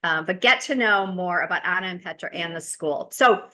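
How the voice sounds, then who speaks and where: Woman from the States, podcast host, bright and forceful tone, chatty and loose. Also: on the low side, moderate pace. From United States. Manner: chatty, with frequent fillers and restarts. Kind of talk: casual interview introduction.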